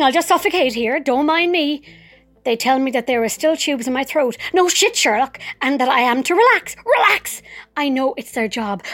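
An actress narrating a personal memoir in a wry, vivid way, with sudden outbursts. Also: female voice, a little high.

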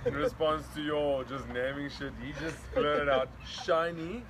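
A man's voice: on the high side, flat delivery, unhurried, over a noisy crowd. A man bantering with friends, mocking and playful. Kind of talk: casual banter among friends.

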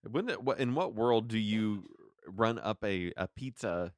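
A man co-hosts a recap show in relaxed conversation. His voice is somewhat low and notably clear and smooth. It is recorded dry, without audible room. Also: measured pace, no room sound. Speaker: podcast co-host. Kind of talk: casual recap podcast chat.

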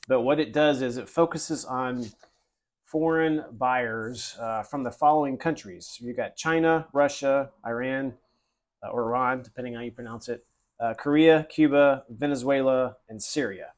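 A man's voice: medium pitch, moderate pace. A man hosting a podcast, explaining steadily in casual chat with the odd filler. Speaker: podcast host.

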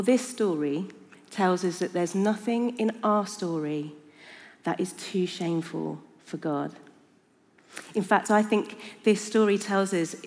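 A woman's voice: fairly low pitch, a little mellow. A woman giving an earnest, conversational sermon in a church. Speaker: preacher. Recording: long reverb of a church hall.

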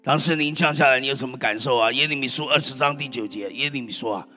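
A man's voice: mid-range voice, fast talker, pushed and bright. A male preacher delivering a fervent sermon, exclaiming and calling out to his congregation. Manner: emphatic, exclaims and calls out to the congregation. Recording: reverberant hall with faint music.

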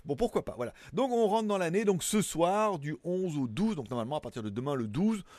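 A man's voice: fairly high pitch, big pitch swings, fairly quick, a little mellow, no room sound. A man hosting a casual tech news show, rambling and self-mocking with many fillers. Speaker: tech news YouTuber host. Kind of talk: casual chat to camera. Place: home in Thailand.

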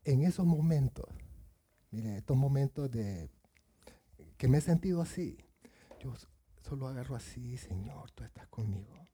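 Preacher, male, mellow husky tone, lively sermon that acts out the Bible voices. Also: medium pitch, unhurried, pauses often. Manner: asks the congregation questions, acts out Bible voices.

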